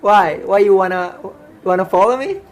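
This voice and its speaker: A man's voice: high voice, normal speed, a little hiss or hum. A man from Indonesia, casually chatting and teasing strangers over a video call. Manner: playful, teasing, laughs at his own jokes. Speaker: host singing to strangers on video chat. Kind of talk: casual video-chat banter.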